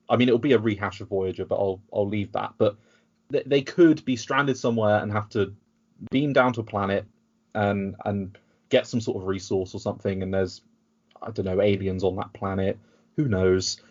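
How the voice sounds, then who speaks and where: A man's voice: fairly low pitch, moderate pace, a little mellow, highs cut off. A British man talking in a casual podcast chat, rambling and sarcastic, with frequent restarts. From United Kingdom. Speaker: podcast guest.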